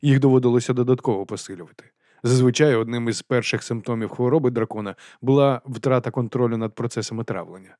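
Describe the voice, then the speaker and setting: A man narrating an audiobook in a calm, even storytelling manner. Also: mid-range voice, fast, no room sound, studio quality. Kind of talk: scripted narration.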